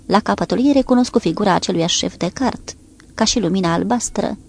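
A woman narrating an audiobook with a steady, even reading. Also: mid-range voice, vocal fry. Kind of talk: scripted narration.

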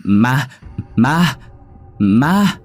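A man's voice: mid-range voice, expressive, very slow, breathy edge, pitched above the performer's own voice, full character voice. A man voicing a terrified fisherman who whimpers and panics after a ghost attack, in a spoken horror story. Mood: screaming.

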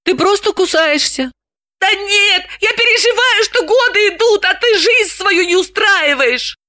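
A woman reading an audiobook, voicing an excitable, pushy woman friend in her thirties who talks in shrill, emphatic exclamations. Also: a little slow, full character voice. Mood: excited.

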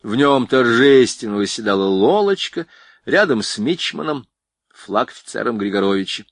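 A man's voice: medium pitch, moderate pace, dry recording, clean studio sound. A man narrating a novel expressively as an audiobook reader. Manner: expressive, varied voicing. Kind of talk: scripted narration.

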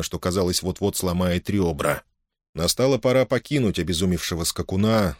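Guy reading an audiobook, lowish voice, lively pitch, dry close mic. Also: dry recording. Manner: measured literary storytelling. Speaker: audiobook narrator. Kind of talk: scripted narration.

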